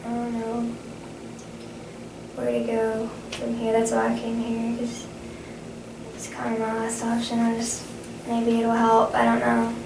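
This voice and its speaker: A young adult woman speaking haltingly, often restarting phrases, in a conversational counseling role-play as the client. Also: a little high, completely flat delivery, gravelly. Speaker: student playing a counseling client. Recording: echoey, distant, noisy room recording.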